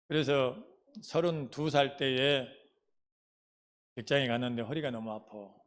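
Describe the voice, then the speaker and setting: A middle-aged man from Jeolla province, a pastor speaking with a Jeolla dialect, telling his life story in a sermon and checking in with the congregation. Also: mid-range voice. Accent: Jeolla Korean dialect. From Jeolla province, Korea. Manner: folksy storytelling, asks the congregation questions. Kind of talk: sermon with personal testimony.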